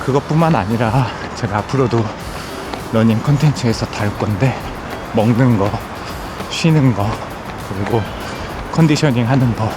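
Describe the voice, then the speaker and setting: A man's voice: mid-range voice, moderate pace. A man talking to his viewers while running, in a casual vlog monologue broken into short phrases. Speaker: running content creator. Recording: music over outdoor recording. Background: music.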